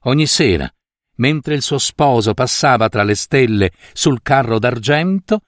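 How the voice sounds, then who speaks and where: A man reading a fairy tale aloud with an expressive, lively melody. His voice sits at a middle pitch in a dry, close sound. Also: a little slow, no echo. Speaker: storyteller. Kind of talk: storybook narration.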